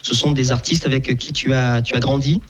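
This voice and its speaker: A man hosting a live radio interview, asking questions in a halting way with frequent restarts and fillers. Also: medium pitch, fairly even intonation, slightly rough. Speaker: radio host.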